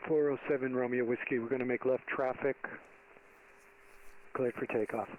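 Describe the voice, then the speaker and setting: A man's voice: medium pitch, fairly even intonation, normal speed. Man talking as a pilot over the radio. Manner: clipped radio phraseology. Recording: tinny radio line with faint hiss.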